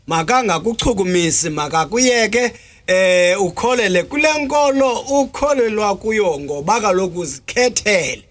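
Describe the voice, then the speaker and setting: A South African man speaks with a Xhosa accent in a fairly high-pitched voice. He explains as a guest in an interview, deliberate and often pausing on hesitation sounds. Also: fairly bright tone. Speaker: traditional healer interview guest.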